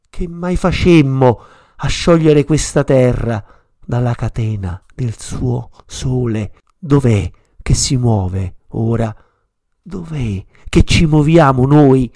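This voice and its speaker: A man's voice: mid-range voice, gravelly, darkish tone, no room sound, studio quality. A man voicing a frantic madman who cries out in anguish, in impassioned declaiming reading. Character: frantic madman proclaiming God's death.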